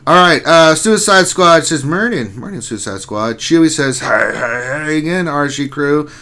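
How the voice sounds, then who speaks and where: Bright-voiced man hosting a gaming stream. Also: fairly high pitch, lively intonation, normal speed. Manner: reads chat names aloud, joking and teasing. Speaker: livestream host. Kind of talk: casual livestream chat.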